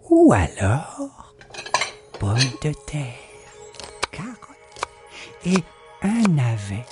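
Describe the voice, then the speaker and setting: A woman reciting a children's poem with a playful, swooping delivery. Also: fairly low pitch. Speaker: reader. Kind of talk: dramatic poem reading.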